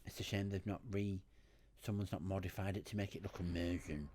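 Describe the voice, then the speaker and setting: A man's voice: deep voice, steady tone, a little fast, a little mellow, slight background noise. A man chats over a video game. His commentary is casual and jokey, like banter with a friend. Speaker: gamer commentating on a playthrough.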